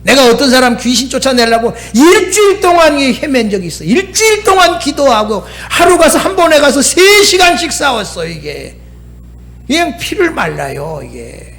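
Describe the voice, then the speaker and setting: A middle-aged man preaching a sermon as pastor, moving between quiet storytelling and loud, fervent shouted pleas. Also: extremely high pitch, big pitch swings, moderate pace, a little hiss or hum.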